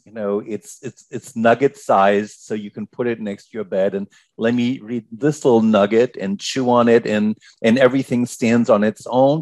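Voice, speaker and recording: A man from Germany, a guest author, talking casually in an interview, lively and prone to repeating words as he starts. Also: mid-range voice, dry recording.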